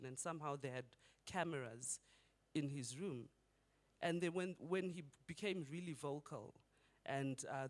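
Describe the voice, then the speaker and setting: A middle-aged man from Zimbabwe giving a conversational conference talk and putting rhetorical questions to the audience. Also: on the high side. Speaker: conference speaker.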